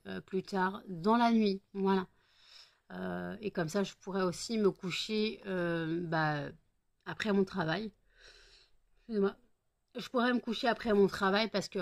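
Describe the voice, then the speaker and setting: A French woman vlogging at home, tired and sleepy, chatting casually and talking baby-talk to her dogs. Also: mid-range voice.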